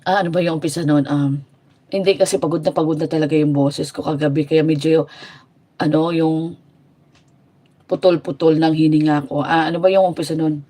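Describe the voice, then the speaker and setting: A Filipino woman hosts a casual livestream, chatting in a sassy, teasing way while mixing Tagalog and English. Her voice is deep and mellow, with fairly even intonation and a slightly fast pace.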